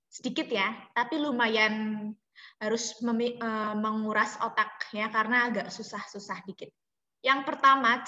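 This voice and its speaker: Woman teacher on a video call, high bright voice, patient, repeats examples, roomy echo. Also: highs cut off. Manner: explains slowly, repeats examples, checks understanding. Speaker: Mandarin teacher. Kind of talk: online class lesson. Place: home room on a video call. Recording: echoey room with long reverb.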